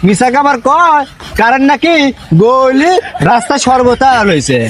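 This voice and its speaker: Man acting as a scolding villager, very high voice, mocking tone. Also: lively intonation, normal speed, fairly bright tone. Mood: exasperated. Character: exasperated male villager, loud and mocking. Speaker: cheated villager. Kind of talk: comic village drama acting.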